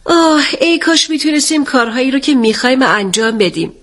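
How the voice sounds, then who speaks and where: A woman's voice: sits high, animated, pitched above the performer's own voice. A woman reading an audiobook, voicing an effusive, gushing middle-aged English lady traveler. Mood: wistful. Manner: gushing, rapturous.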